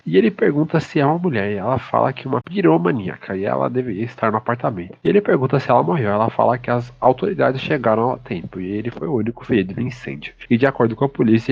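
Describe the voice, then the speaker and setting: A man with a Brazilian Portuguese accent giving a casual, hurried plot recap and commentary on a manga, chaining events flatly one after another. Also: mid-range voice, gravelly, slightly rough, dull audio. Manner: flat, hurried retelling chained with "e". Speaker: manga reviewer.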